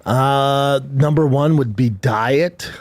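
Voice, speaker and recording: A man's voice: medium pitch, slow, no echo. A man giving casual advice and banter in blunt, slangy language with some swearing.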